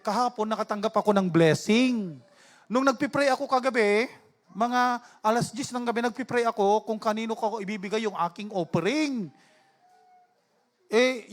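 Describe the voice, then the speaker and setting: A man preaches a sermon. He tells stories and calls out to the people in front of him, moving between languages as he goes. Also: extremely high pitch. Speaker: pastor.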